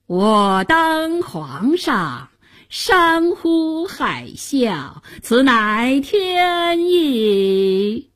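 A woman voicing a scheming, cowardly male prime minister in a storytelling broadcast, with a slow, drawn-out, self-important delivery. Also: sits high, big pitch swings, a bit bright, pitched above the performer's own voice, full character voice. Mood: pompous. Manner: drawn-out, pompous, then trembling.

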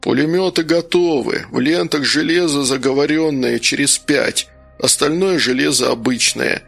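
A man voicing a hoarse, bearded male guardsman who talks matter-of-factly in folksy speech. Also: a little high, normal speed, fairly bright tone, soft background music, full character voice. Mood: reporting.

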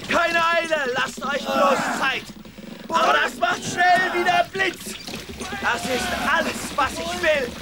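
A brash, gruff whaling mate who bellows orders at his oarsmen, his voice pitched very high and strained. Loud splashing water and creaking boat noise surround him in this radio play. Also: slow pace, heavily acted. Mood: urgent. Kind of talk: radio drama acting.

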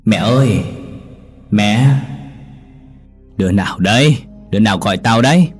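A man's voice: on the low side, expressive, brisk, a little mellow, husky, faint music behind. A man voicing a scheming middle-aged mother-in-law in a ghost story, who scolds sharply and wails melodramatically. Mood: scolding.

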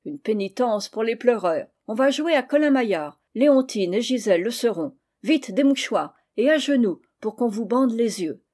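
A woman reading an audiobook voices an elderly aunt who is bossy and merry, calling out brisk commands. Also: a little high, animated, dark tone. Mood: bossy lively.

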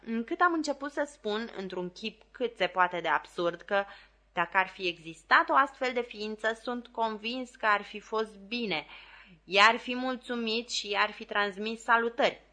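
A woman reading a classic novel aloud as an audiobook, with clear and expressive storytelling. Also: fairly high pitch. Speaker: audiobook reader.

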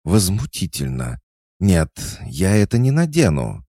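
A man voicing a petulant, childlike female cat goddess who is quick to take offence, reading an audiobook. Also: very deep voice, big pitch swings, mellow, no room sound, clean studio sound, voice pushed up. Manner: sulky, indignant.

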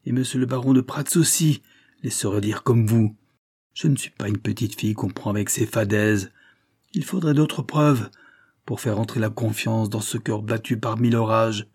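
A man's voice: mid-range voice, dark tone, no echo, clean studio sound, close to an everyday voice. A man reading an audiobook and voicing a passionate young society woman who speaks with vehemence, first pleading, then scornful.

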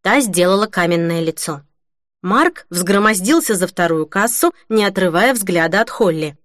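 A woman reading a novel aloud as an audiobook narrator, in an even, measured way. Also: lowish voice, no room sound, studio quality. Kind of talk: scripted narration.

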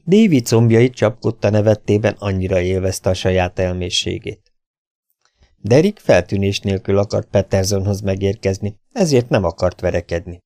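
Man, audiobook narration, low voice, dry close mic, steady. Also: dry recording. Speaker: audiobook reader.

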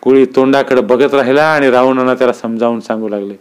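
A man narrating a village story, reading the narration and acting out the rough, heated dialogue. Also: medium pitch, fairly even intonation, fairly quick. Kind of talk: dramatic storytelling.

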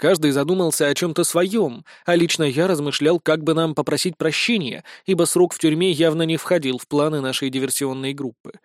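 A man narrating a comic fantasy audiobook in the first person, deadpan and even. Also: on the high side, a little fast, few pauses, dry recording, clean studio sound.

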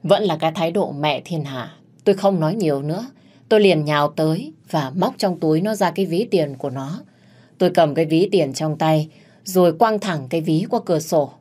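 A woman storyteller narrating a dramatic first-person tale. Her voice sits somewhat low and her delivery is vivid. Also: fairly quick, mellow, breathy edge.

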